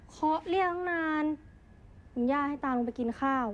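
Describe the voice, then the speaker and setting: A woman's voice: sits high, fairly quick, close to an everyday voice. An actress playing a young woman nagging her older brother to come down to dinner, in dull lo-fi drama audio.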